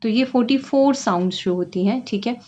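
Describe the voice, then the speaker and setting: Woman, exam-prep teacher, explanatory lesson, frequent check-ins, slow deliberate reading of questions, lo-fi audio. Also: fairly high pitch, dark tone.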